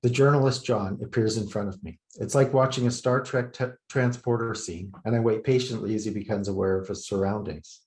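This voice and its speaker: A man reading his own short story aloud at a public reading, in a measured, low-key way. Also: fairly even intonation, darkish tone. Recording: roomy reverberant venue.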